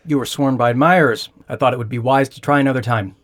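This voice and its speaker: An actor playing a grave, earnest former stage performer who speaks in a measured way, in an audio drama. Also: male voice, mid-range voice, close to an everyday voice.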